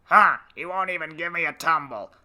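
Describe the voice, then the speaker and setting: A man's voice: on the high side, sharp tone. A man voicing a sulky, wheedling male pet parrot on a storybook record. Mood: pleading. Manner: whiny, pleading, slow and drawn out.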